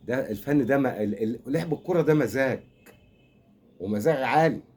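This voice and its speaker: A lowish, dark voice belongs to an older Egyptian-accented man, a football fan commentator. His comic rant rambles along, teasing and mock-consoling.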